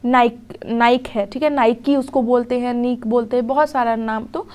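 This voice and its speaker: A young woman with a fairly high voice teaches a recorded exam lecture. She explains in Hindi, slows down for the English definitions she reads out, and keeps checking in with a quick "theek hai". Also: steady tone, a little mellow.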